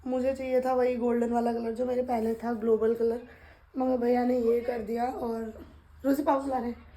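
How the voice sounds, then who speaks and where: A young woman chatting casually in her vlog, talking softly and slowly to spare a strained throat. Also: on the high side, flat delivery. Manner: soft, slow talk to spare her voice. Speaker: vlogger. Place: home kitchen.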